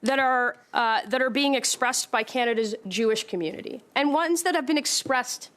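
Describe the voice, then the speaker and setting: A woman member of parliament arguing her point in a committee hearing, halting and repeating herself but insistent. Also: sits high, fairly bright tone. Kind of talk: committee debate.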